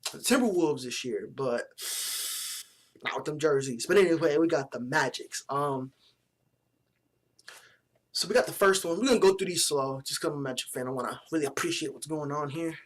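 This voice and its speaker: A man's voice: fairly high pitch, normal speed, pauses often. A man casually reviewing new basketball jerseys in a vlog, with blunt opinions, plenty of swearing and loose slang. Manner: blunt, profane, joking opinions; relaxed slangy talk. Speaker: sports vlogger.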